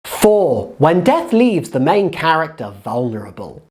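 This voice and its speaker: A woman giving scripted narration for a writing-tips video, explaining in a measured way with strong emphasis. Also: deep voice, very animated, a little mellow.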